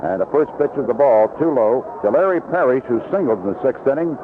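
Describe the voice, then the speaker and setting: A noisy, lo-fi 1970s AM radio recording carries a man's fast, animated, mid-range voice as he calls live baseball play-by-play. He works from an outdoor ballpark broadcast booth, delivering clipped, descriptive phrases.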